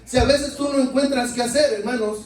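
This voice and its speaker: A man's voice: very high-pitched, fairly even intonation, brisk, soft background music. A man preaching a sermon in a church, repeatedly calling out to his brothers and asking rhetorical questions. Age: adult. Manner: keeps addressing listeners as brothers, asks rhetorical questions. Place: church sanctuary. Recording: echoey church, mic far off.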